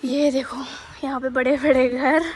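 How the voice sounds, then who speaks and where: Walking around a hill town with a phone camera, moving between a house and the streets, indoors and out, a young woman vlogger from Uttarakhand, India chats casually to her viewers and calls them bhai. Her voice is high-pitched and slightly rough, with a flat delivery at a measured pace.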